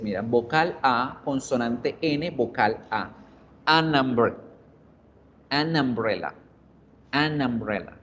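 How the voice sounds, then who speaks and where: A man teaching a beginner English class online, patiently explaining and repeating words slowly for his students. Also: mid-range voice, darkish tone. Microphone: computer mic on video call. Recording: dull audio with faint noise.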